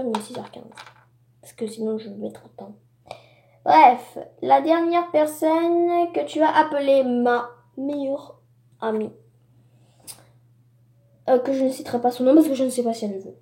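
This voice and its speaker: Chatty female vlogger from France, high voice, casual Q&A, roomy echo. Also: warm tone. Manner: chatty, rambling asides, reads questions aloud. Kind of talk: casual tag-video chat.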